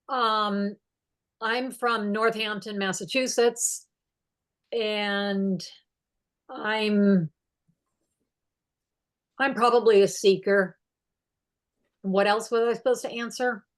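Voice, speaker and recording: A woman's voice: mid-range voice, very slow, pauses often. A woman introducing herself hesitantly in an online class over a video call. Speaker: class participant.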